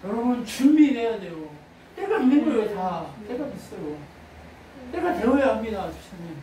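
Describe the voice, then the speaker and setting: Preacher, sermon delivery, call-and-response questions, sudden loud bursts; distant, roomy church sound. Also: mid-range voice, animated, moderate pace, crowd noise. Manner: fires rhetorical questions at the congregation. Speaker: pastor. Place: church sanctuary.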